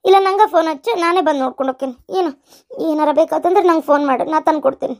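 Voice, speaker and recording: A woman doing a high, caring cartoon child. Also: racing. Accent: North Karnataka Kannada. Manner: gentle, caring advice. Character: caring grown child leaving home.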